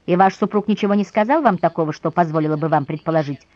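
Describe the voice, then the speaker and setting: A woman's voice: lowish voice, fast, darkish tone, muffled recording, lightly acted. A woman voicing a stern man, an army general who grumbles and presses hard. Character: stern, gruff male general.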